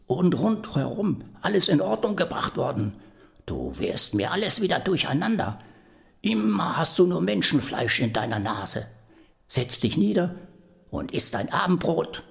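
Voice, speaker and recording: A man putting on a fussy old grandmother, high and chiding. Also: very animated, measured pace, gravelly, full character voice. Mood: scolding. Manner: fussy, chiding, half-whispered. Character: scolding old grandmother of the devil.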